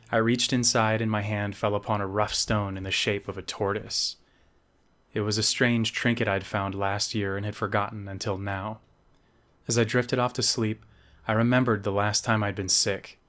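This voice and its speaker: A man with a fairly low voice reads his own novel aloud in a measured, storytelling manner. His narration is steady and scripted, carrying a dark coming-of-age tale. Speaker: novelist reading his book.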